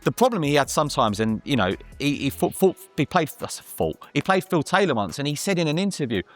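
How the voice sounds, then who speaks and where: A man's voice: on the high side, big pitch swings, quick pace, faint music behind. A man talking darts as a guest pundit in a casual panel discussion, chatty and emphatic, often restarting his sentences.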